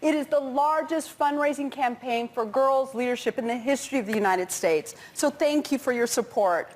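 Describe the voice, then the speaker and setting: A woman's voice: sits high, normal speed, background noise. A woman representing an organization on a talk show, speaking earnestly about a campaign. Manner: earnest, promotional. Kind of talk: promotional talk show speech.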